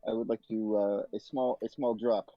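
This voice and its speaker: A man's voice: on the low side, steady tone, normal speed, soft background music. A man playing a tabletop game in casual chat, recorded on dull lo-fi audio.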